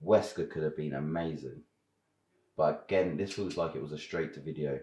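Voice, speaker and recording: A British film and game reviewer chats casually about his opinions, informal and full of slang. His very deep, warm voice moves at normal speed, and the sound is roomy.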